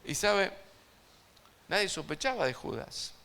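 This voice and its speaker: A man preaching an evangelistic sermon to a congregation, emphatic and swinging between loud and hushed, asking his listeners direct questions. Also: high-pitched, sing-song, a little slow, gravelly. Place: church service before a congregation.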